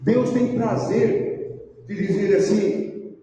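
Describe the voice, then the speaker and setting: A Brazilian pastor preaches with a fairly high voice, pressing his points by repeating them and calling people by name. He sounds distant from the mic, in a big church with a long, ringing reverb. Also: very slow, dark tone. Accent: Brazilian Portuguese. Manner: emphatic preaching, repeating phrases and calling out names. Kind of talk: sermon. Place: church sanctuary. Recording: echoey church hall, voice from far off the mic.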